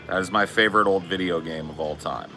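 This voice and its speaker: A man's voice: sits low, fast, bright, forceful tone, faint music behind. A man in his forties chatting casually on a live stream, laid-back and slangy, swearing often. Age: 40s. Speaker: streamer reading chat.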